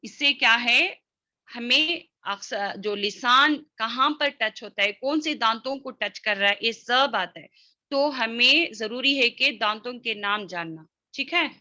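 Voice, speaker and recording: A woman's voice: fairly high pitch, sharp tone. A woman teaching a class on Quran recitation, explaining step by step, demonstrating letter sounds and often checking that her students follow. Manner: explains step by step, checks understanding with repeated "theek hai" and "hm?". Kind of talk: online class lesson.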